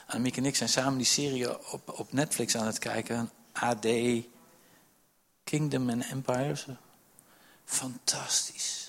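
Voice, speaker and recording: A middle-aged man preaching a sermon in a church. He speaks emphatically, piles up repeated questions and drops to a hush to stress a point. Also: fairly high pitch, slightly rough. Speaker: pastor. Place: church service with listeners present.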